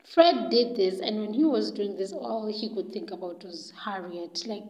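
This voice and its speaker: A woman's voice: a little high, lo-fi sound. A woman telling a story in a casual, chatty way, loose and full of fillers.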